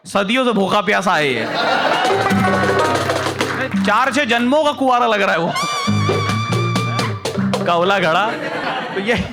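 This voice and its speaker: A young man performing a stand-up comedy set on stage, telling a story and acting out the other people in it. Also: very high-pitched. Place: stage before a live audience.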